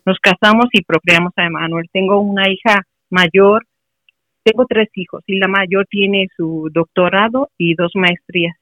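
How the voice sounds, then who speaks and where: A woman's voice: mid-range voice, steady tone, a little slow, a bit bright, no echo. A middle-aged woman from Mexico City, a guest in a casual interview, speaking earnestly and encouragingly. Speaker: interview guest, mother of a player. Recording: muffled, dry recording.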